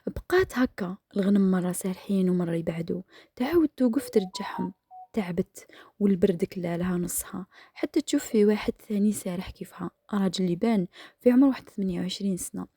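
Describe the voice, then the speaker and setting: A woman with an Algerian accent telling a dramatic story in a hushed, half-whispered voice while cooking, close to the mic. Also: mid-range voice, fast talker, slightly rough, no room sound. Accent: Algerian Arabic.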